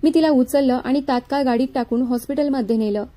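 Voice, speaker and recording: A woman narrating a dramatic story in a measured, even storytelling manner. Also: high voice.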